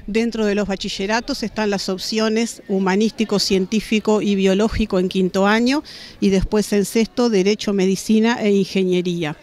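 A woman in her forties with a Uruguayan accent, a school principal answering a news interview outdoors, speaking in a measured way with many "este" fillers. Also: mid-range voice, steady tone, darkish tone. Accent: Uruguayan Spanish. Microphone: handheld reporter mics held to her face.

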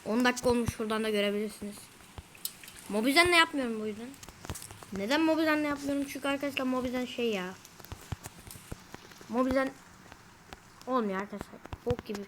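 A woman's voice: a little high, quick pace, pauses often, fairly bright tone, a little hiss or hum, rough recording. A woman giving casual gameplay commentary to her viewers, easily frustrated, grumbling and exclaiming as she plays. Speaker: gamer.

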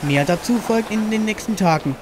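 A man's voice: high-pitched, lively intonation, normal speed, background noise. A male reporter reading an upbeat scripted voice-over for a local event report.

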